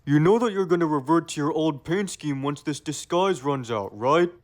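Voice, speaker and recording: Man as a fairly high-voiced talking train. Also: expressive, normal speed, close to an everyday voice. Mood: dry.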